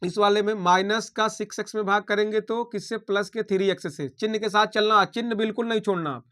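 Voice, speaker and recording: A man's voice: high voice, steady tone, a little fast, fairly bright tone. A man teaching a maths lesson, talking through each step aloud and checking in with his students.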